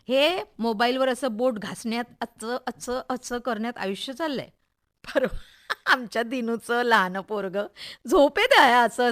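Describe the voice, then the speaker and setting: A middle-aged, middle-class mother in a radio monologue. Her voice sits fairly high, with a Maharashtrian accent and an expressive, wry, gossipy way of confiding in the listener. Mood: gossipy, amused.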